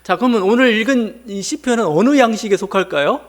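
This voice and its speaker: A man's voice: high voice, animated, brisk. A male pastor giving a conversational sermon, posing rhetorical questions to the congregation.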